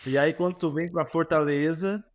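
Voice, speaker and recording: A Brazilian man tells anecdotes as an interview guest, animated and often restarting mid-phrase. His voice sits a touch higher than most men's. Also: normal speed. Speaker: former goalkeeper, guest. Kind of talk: casual interview storytelling.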